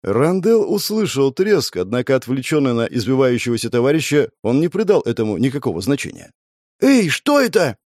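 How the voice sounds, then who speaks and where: A man's voice: sing-song, a little fast, hardly any pauses, no room sound, clean studio sound. A man narrating a dramatic fantasy story, raising his voice for the characters' cries. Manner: raises pitch and shouts for characters' cries. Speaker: audiobook narrator. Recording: narration over soft music.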